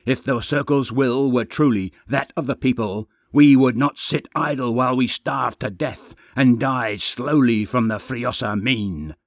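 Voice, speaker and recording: A man's voice: a little slow, hardly any pauses, no echo, lo-fi sound, natural voice. A man doing a snarling, furious warrior. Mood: impassioned. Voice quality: deep, snarling. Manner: loud, impassioned, rising to shouts.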